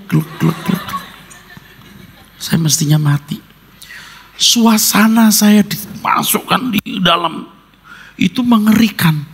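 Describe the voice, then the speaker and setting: A man preaching a sermon as a pastor, telling personal stories in an animated way with jokes and sound effects. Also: fairly high pitch, vocal fry, husky, big-room sound.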